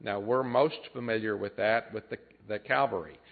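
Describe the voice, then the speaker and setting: A man preaching a sermon to his church, explaining scripture plainly and often pausing with "uh" and clearing his throat. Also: lowish voice. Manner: unhurried teaching with frequent "uh" fillers and throat clearing. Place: church assembly. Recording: tinny phone-like sound.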